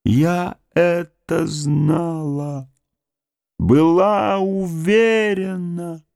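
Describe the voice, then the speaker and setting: A man's voice: mid-range voice, a little slow, creaky, warm tone, no room sound, studio quality, pitched above the performer's own voice. A man reading the part of a grieving young woman who mourns her dead fiancé, pleading and tearful. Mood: anguished triumph. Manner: pleading, tearful, rising to cries. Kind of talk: audiobook character reading.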